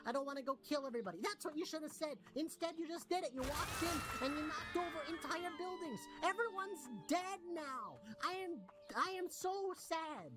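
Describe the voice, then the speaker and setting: A woman's voice: very high voice, lively intonation, moderate pace, hardly any pauses. A woman voicing a tiny, overly emotional cutie creature who greets visitors to her town, in video game dialogue with a sweet, cutesy, melodramatic manner. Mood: depressed ranting. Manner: sweet, cutesy, melodramatic, swings into wailing despair. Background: game music.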